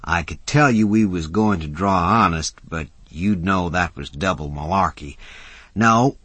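A man's voice: sits low, a little slow, a bit bright, no echo. A male reader voicing a scrappy, persuasive drifter who talks in a folksy, ungrammatical drawl. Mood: scheming. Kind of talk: audiobook character voice.

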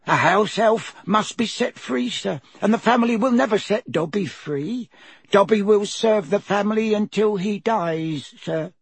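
A man voicing a small, servile male house elf who talks in a squeaky, anxious way. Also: unhurried, breathy edge, no echo, exaggerated voice. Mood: pleading. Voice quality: squeaky, high-pitched. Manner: servile, calls himself by name, ends lines with "sir". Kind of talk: audiobook character voice.

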